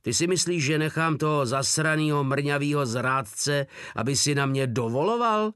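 A man reading aloud, voicing a big coarse soldier who swears and shouts, in a dry recording. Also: on the high side, clean tone, no echo, pitched above the performer's own voice, close to an everyday voice. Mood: raging. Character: coarse brawny soldier, loud, foul-mouthed.

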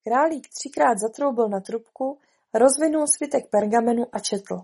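A woman narrating a storybook in a calm, expressive way. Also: fairly high pitch, slightly rough.

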